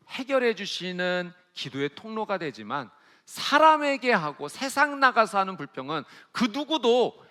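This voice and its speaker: High, animated male preacher. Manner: emphatic preaching with rhetorical questions to the congregation. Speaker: pastor. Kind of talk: sermon.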